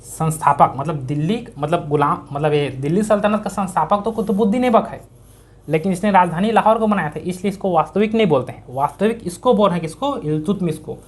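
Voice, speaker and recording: A man's voice: high voice, brisk. A man teaching an exam-prep history lesson in a conversational way. He asks his own questions, answers them, and repeats key words for emphasis, with a Chhattisgarhi-tinged accent. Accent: Chhattisgarhi-tinged Hindi.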